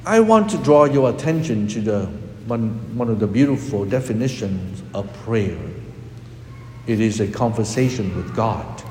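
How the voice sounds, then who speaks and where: A man preaching a sermon as a priest, with a slow, emphatic delivery that rises and drops dramatically. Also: lowish voice, animated, darkish tone, a little hiss or hum. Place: church. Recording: echoey hall with long reverb.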